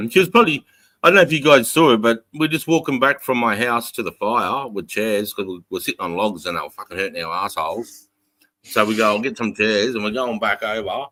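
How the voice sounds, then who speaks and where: Bright, sweary Australian man. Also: medium pitch, normal speed, a little hiss or hum, low-quality recording. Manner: blokey, swears freely. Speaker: livestream host. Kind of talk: casual livestream chat and storytelling.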